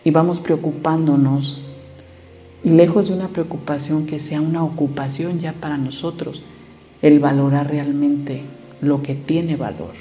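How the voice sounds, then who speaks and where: A woman giving earnest family advice to her listeners, acting out the voices she quotes and changing her loudness for emphasis. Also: low voice, fairly even intonation, a little slow, soft background music. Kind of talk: motivational talk to listeners.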